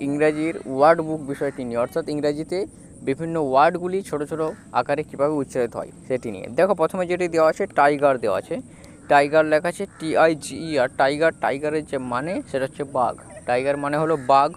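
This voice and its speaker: Man, patient teacher, repeats syllables, somewhat high voice, faint insect noise. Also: fast. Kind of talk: slow spelling lesson.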